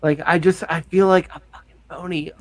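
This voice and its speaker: A man's voice: fairly high pitch, steady tone, brisk, dry recording. A man hosting a casual chat, candid and self-deprecating as he muses aloud. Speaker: podcast host.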